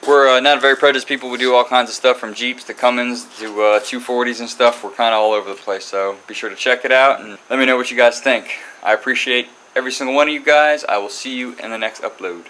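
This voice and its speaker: A man's voice: medium pitch, steady tone, quick pace, few pauses, bright, forceful tone, slight background noise, poor audio. A man hosting his own channel, chatting casually and rambling as he walks through a repair job. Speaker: channel host. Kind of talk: casual garage vlog walkthrough.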